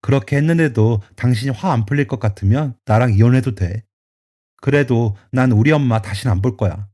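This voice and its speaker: A man's voice: medium pitch, brisk, mellow, close to an everyday voice. A man plays a young husband torn between his wife and his mother in a storytelling radio drama. He speaks in a pleading, near-tearful way, slightly raised above a plain voice. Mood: remorseful.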